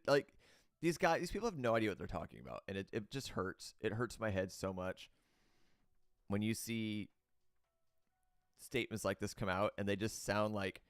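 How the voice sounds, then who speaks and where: A man's voice: fairly low pitch, no echo, clean studio sound. A man hosting a show, reading crypto news aloud and breaking into blunt, opinionated rants, with loose fillers and restarts. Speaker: host.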